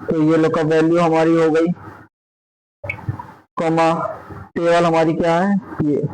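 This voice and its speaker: A man's voice: on the high side, a little mellow, a little hiss or hum, rough recording. A man explaining a spreadsheet formula step by step, often putting questions to the viewer. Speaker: Excel tutor. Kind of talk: screen-recorded software tutorial.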